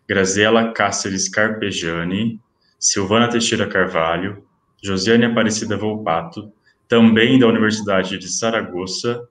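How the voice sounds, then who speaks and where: A man presenting at an online academic event, reading out award certificates in a formal, steady listing manner. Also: fairly low pitch, echoey room. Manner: steady listing of titles and names.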